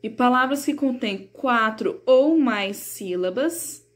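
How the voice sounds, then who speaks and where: Patient primary-school teacher. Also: female voice, a little high, expressive. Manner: patient and didactic, slows to sound out words. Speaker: third-grade teacher. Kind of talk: recorded remote lesson explaining a textbook.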